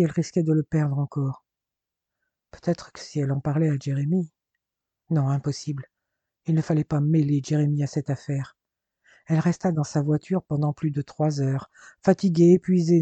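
A man reads a novel aloud in a measured, expressive way. His voice is very warm and mellow, a touch higher than usual for a man. It is recorded close and dry. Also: dry recording, muffled recording. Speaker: narrator. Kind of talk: audiobook narration.

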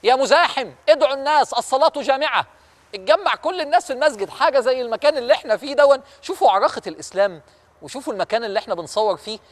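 A man's voice: very high voice, animated, rapid-fire. A man with an Egyptian Arabic accent, preaching and telling a story in a fervent way, firing rhetorical questions at his listeners. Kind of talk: storytelling religious talk. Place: historic mosque-like building.

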